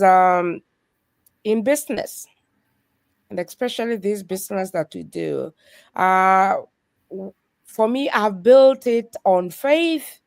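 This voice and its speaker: In clean studio sound with no room echo, a Kenyan guest with a medium-pitched voice gives an earnest testimony about her faith and her business, laughing softly now and then during the faith-focused conversation.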